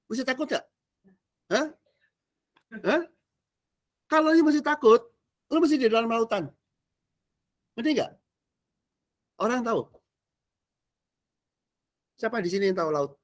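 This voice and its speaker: Slangy pastor preaching casually. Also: male voice, very high-pitched, a little slow, pauses often. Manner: casual slangy preaching, quizzing the audience, animated swings between loud and soft. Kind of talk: sermon teaching a discipleship class.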